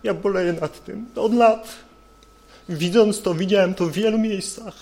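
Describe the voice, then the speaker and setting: High-voiced earnest male preacher. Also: measured pace, a little mellow. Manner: earnest, rhetorical questions. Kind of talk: sermon.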